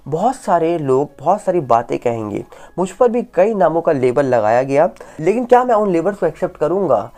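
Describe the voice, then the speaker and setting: Over a close voice-over mic, a woman rattles off news commentary on entertainment stories in a deep, slightly mellow voice. She leans on rhetorical questions and emphatic repetition.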